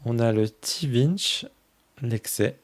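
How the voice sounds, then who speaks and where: Slow, soft-spoken man leafing through cards. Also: medium pitch, lively intonation. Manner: gushes fondly over each card. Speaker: tarot channel host. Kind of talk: casual oracle deck flip-through.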